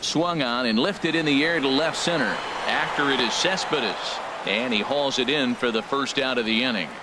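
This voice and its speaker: With stadium noise behind him, a man calls baseball action as a composed, professional play-by-play announcer in a video game. His mid-range voice moves at normal speed and sounds close to everyday speech.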